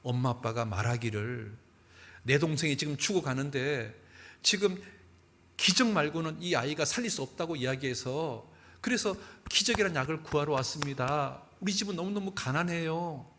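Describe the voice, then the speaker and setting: A man's voice: on the high side, normal speed, pushed and bright. A man voicing an eight-year-old poor girl, pleading and crying out for help. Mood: earnest.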